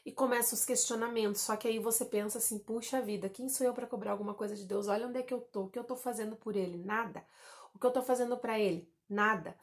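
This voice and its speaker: A woman's voice: fairly high pitch, fairly even intonation, fast. Woman in her 30s from southern Brazil, chatty testimony vlogger who addresses her viewers directly. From Santa Catarina, Brazil. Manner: chatty, addresses viewers as "gente", many fillers like "né" and "tá". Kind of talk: personal testimony vlog.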